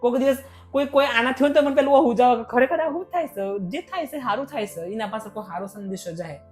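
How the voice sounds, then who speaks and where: Young male guest, rapid-fire and emotional, faint music under the voice. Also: very high voice. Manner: emotional, animated, talks in rushed bursts. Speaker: podcast guest, vlogger. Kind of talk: casual podcast conversation.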